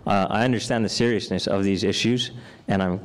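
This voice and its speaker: A young man from Hawaii addresses a neighborhood meeting as a candidate, speaking with eager, self-assured earnestness. His voice sits on the low side. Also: fairly even intonation, fairly quick. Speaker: political candidate. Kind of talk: candidate forum speech. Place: indoor community meeting room.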